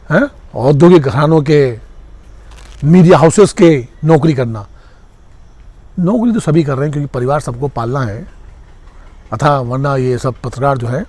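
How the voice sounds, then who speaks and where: A man's voice: on the high side, husky, no room sound. A man giving impassioned political commentary, firing off rhetorical questions and addressing his listeners as sisters and brothers. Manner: rapid-fire rhetorical questions.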